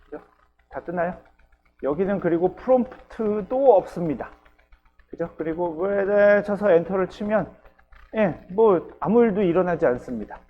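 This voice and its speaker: A man with a slightly raised pitch teaches a programming class at an easy, patient pace. He walks through each step and keeps checking in with his listeners. Faint keyboard typing can be heard behind him. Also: animated, unhurried, muffled recording. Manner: patient, explains step by step with frequent "ye" and "geujyo" check-ins. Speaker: university lecturer. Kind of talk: recorded programming lecture.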